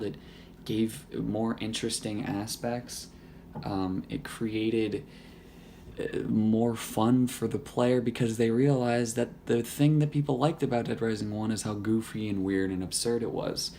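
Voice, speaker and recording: A hoarse young man whose voice is nearly gone, chatting casually about a video game in a rambling, profane, joking way. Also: medium pitch, steady tone, measured pace, mellow, a little hiss or hum. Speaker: YouTuber. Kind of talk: casual gaming chat to camera.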